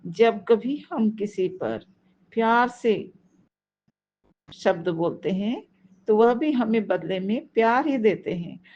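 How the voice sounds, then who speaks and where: Slow, measured woman giving a devotional talk. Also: medium pitch, lively intonation. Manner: measured, reflective, explains with examples. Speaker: devotee speaking at a satsang. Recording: dull lo-fi recording.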